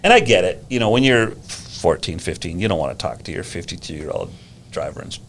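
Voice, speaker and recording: A man's voice: low-pitched, sing-song, fairly quick, a bit bright, a little hiss or hum. Chatty fifty-something man telling stories. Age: 50s. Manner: chatty storyteller with a gift of gab. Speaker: teacher and driving instructor. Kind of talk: casual podcast conversation.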